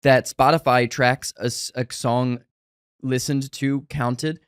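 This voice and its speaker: A young man talks in a relaxed way as a podcast co-host, tossing off jokey asides. His voice sits at a middle pitch for a man. The sound is dry and close, with no echo. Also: takes it slowly, smooth. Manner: laid-back, jokey asides. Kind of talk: casual chat.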